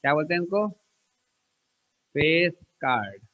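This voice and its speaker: A man with a high voice teaches a math lesson at an unhurried pace, asking the class questions and then answering them himself. He repeats key numbers and slips in small jokes. The recording sounds slightly dull and lo-fi. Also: sing-song.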